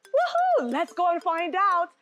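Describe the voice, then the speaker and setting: A woman hosting a children's educational show, gasping with wide-eyed excitement as she asks questions. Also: very high-pitched, measured pace, soft background music. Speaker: kids' show host. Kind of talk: bubbly children's educational presenting.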